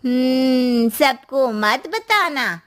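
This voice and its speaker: A woman voicing a gossipy older neighbor aunt who speaks in slow, ominous warnings in a cartoon story. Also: high voice, expressive, fairly bright tone, exaggerated voice. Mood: sly.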